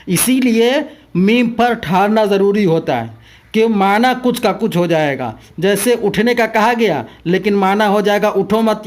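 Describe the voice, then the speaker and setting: A man teaching a lesson, explaining things step by step with spoken examples. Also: sits high.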